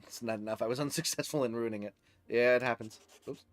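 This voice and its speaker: A man's voice: mid-range voice, quick pace, soft background music. Chatty male game streamer. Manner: rambling, laughs often, restarts sentences. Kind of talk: casual live-stream chat while gaming.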